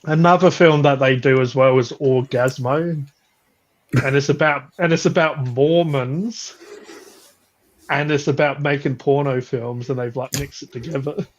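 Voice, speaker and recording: A man's voice: medium pitch, steady tone, unhurried, slight background noise. A man talking casually with a rambling, restart-heavy manner, breaking into laughter as he goes. His voice comes through dull, lo-fi live stream audio. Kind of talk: casual chat.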